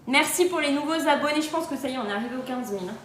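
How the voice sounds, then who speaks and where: A kitchen-appliance sales adviser chats cheerfully on a phone livestream while on holiday, answering viewers' comments and laughing often. Her high, slightly bright voice races along, and the echoey spot adds a roomy sound with a bit of background noise.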